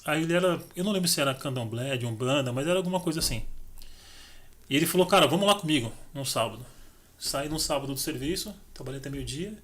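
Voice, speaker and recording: A man's voice: on the high side, quick pace. A middle-aged man, a podcast guest telling his life story in casual chat and acting out the dialogue. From Brazil. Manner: animated, acts out dialogue in his stories.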